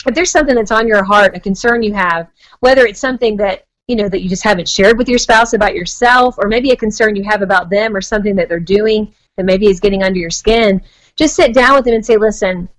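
A woman's voice: medium pitch, fast talker, low-quality recording. An American woman guest giving conversational advice in an earnest, chatty manner. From United States. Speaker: guest marriage expert.

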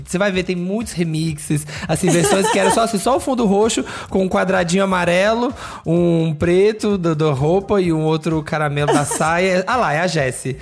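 Enthusiastic mid-pitched podcast co-host. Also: normal speed, hardly any pauses. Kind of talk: casual podcast interview.

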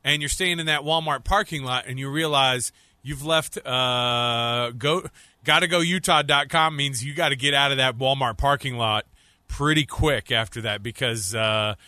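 Male radio host, bright sharp tone, dry close mic, playful teasing banter with frequent laughs. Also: mid-range voice, moderate pace, no room sound. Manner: joking, laughs often, teasing.

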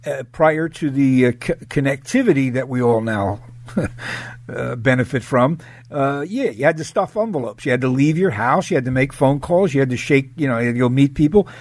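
A male radio host introducing a guest and asking questions, his speech full of pauses, "uh"s and restarts. He sits at a middle pitch for a man, and his voice sounds close and dry, with no room around it. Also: expressive, a little mellow, dry recording. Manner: halting, many fillers and restarts. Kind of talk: radio interview.

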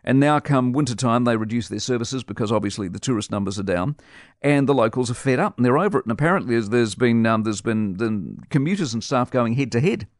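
A man's voice: medium pitch, animated, fast talker, no room sound, clean studio sound. A man hosting a radio show, giving blunt, scornful opinion commentary. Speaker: radio host. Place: radio studio.

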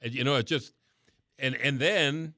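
A chatty middle-aged man hosting a radio show, his voice bright and forward. He talks casually and lets sentences fade at the ends. The sound is close and dry. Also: mid-range voice, a little slow, no echo. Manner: chatty, relaxed, trailing off at phrase ends. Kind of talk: casual radio talk and interview.

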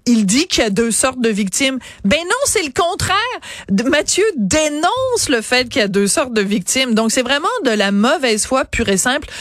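Brief: Quebec French woman host, assertive and explanatory, slightly high voice, dry sound. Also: fairly bright tone, no room sound. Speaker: show host. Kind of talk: commentary talk show.

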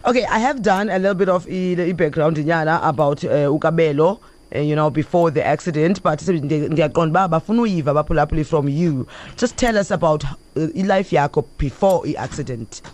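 A woman's voice: sits low, fairly quick, a little mellow. A woman with a South African Xhosa accent hosting a radio interview, switching between English and Xhosa. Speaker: radio host.

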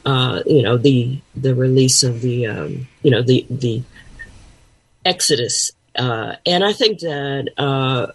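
A woman guest on a talk show, speaking conversationally and haltingly as she searches for words. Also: very deep voice, husky, low-quality recording. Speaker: guest, pastor and counselor. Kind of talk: conversational interview.

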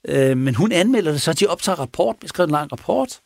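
A man who is a police officer, retelling a case in a casual interview, halting with pauses and restarts. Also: on the high side, lively intonation, gravelly, dry recording, studio quality. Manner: halting, with many pauses and restarts, acts out quoted speech. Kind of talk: casual spoken storytelling in an interview.

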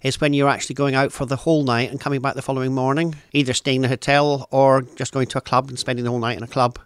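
A man explaining ticket options in a measured, matter-of-fact manner. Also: mid-range voice, flat delivery, clean tone, no echo. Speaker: rail ticket expert.

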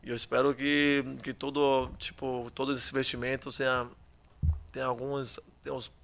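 A man's voice: medium pitch, little pitch movement, normal speed, fairly bright tone, a little hiss or hum. A young adult man from Salvador, a footballer answering interview questions in a chatty way that often restarts phrases and tags on questions. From Salvador, Bahia, Brazil. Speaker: footballer guest.

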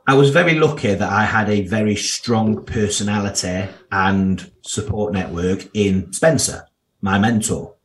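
There's a strong Yorkshire accent in this thirty-something man's voice, which sits on the low side with a fairly bright tone and an unhurried pace. A financial services worker, he's a podcast guest speaking candidly, bluntly, and with plenty of slang.

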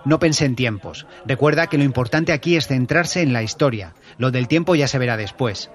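A man hosts a podcast and answers listener questions about his work as an audio drama director. He talks in a measured, explanatory way, laying out his methods step by step. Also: mid-range voice.

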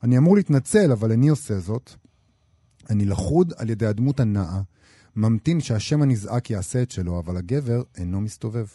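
A man reading a novel excerpt aloud on a radio show, in a measured, expressive way. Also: fairly low pitch, husky, dry recording, clean studio sound.

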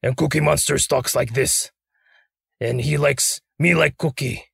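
A man's voice: mid-range voice, fairly even intonation, measured pace, vocal fry, a bit bright, slightly rough, no room sound, clean studio sound, exaggerated voice. A man putting on a growly cookie monster voice. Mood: playful. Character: gruff furry male cookie-loving monster.

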